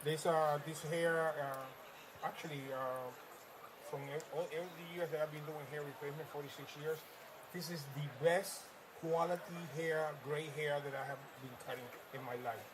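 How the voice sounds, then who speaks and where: A man's voice: fairly high pitch, fairly even intonation, normal speed, noisy background. A man with a Spanish accent, a hair replacement stylist, explaining his work in an emphatic, instructive way and sometimes switching into Spanish. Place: busy trade-show floor.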